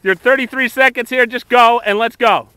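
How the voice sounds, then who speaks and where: A man's voice: very high voice, moderate pace, crowd noise. A middle-aged man giving casual, jokey running commentary outdoors, close to a handheld camera. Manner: jokey, egging on. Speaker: host filming a cold plunge. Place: outdoors by a bay. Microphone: handheld camera held close.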